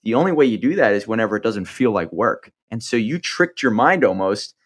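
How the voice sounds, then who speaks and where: A lower-voiced man hosts a podcast interview. He sums up what his guest says and adds his own ideas in an encouraging, conversational manner. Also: expressive, fairly quick. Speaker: podcast host. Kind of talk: interview chat.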